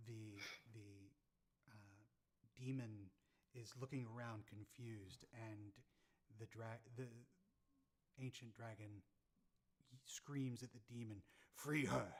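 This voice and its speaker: A man narrating as game master of a tabletop game, halting and full of ums and restarts as he describes the scene. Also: on the low side, a little mellow.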